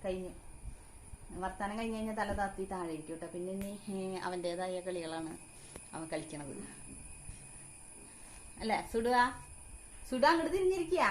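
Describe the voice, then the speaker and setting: A mother with a Kerala Malayalam accent, talking in a home vlog. She coaxes her young son in a sing-song voice and calmly explains things to the viewers. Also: mid-range voice, moderate pace, long pauses, a little hiss or hum. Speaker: mother of the vlog's child. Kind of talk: casual home vlog talk with her child.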